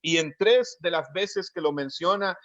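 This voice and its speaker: A man preaching a sermon in an earnest way, slowing down to stress key words and acting out the lines he quotes. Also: fairly high pitch, a bit bright. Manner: acts out the quoted lines of the scripture. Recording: dry, dull lo-fi audio.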